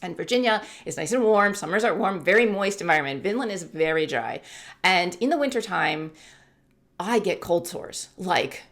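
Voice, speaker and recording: Chatty woman in her forties, candid vlogger talk, slightly low voice. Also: animated, normal speed, fairly bright tone. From United States. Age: 40s. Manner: chatty, candid, laughs often. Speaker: YouTuber. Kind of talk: casual talk to camera.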